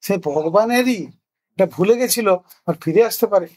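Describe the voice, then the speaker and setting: A man's voice: high-pitched, animated, normal speed, darkish tone. A man giving a spiritual discourse, explaining patiently and asking rhetorical questions as he teaches.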